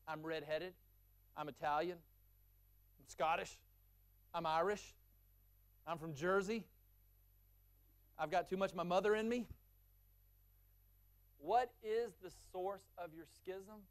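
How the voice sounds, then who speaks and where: With a slow pace, long pauses and a smooth delivery, a male pastor preaches, letting long lists build force and bringing his voice down low and quiet for key points.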